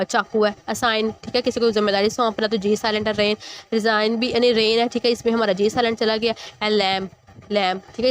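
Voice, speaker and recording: A woman English teacher, explaining an exercise word by word and often checking in with "okay". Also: medium pitch. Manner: explains English words in Hindi-Urdu, repeats "ठीक है". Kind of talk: exercise walkthrough lesson.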